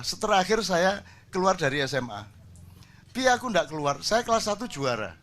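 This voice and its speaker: A man's voice: high-pitched, fairly bright tone. An older man, telling jokey stories in a casual sermon to a gathering. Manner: jokey storytelling, switches into Javanese. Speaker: preacher.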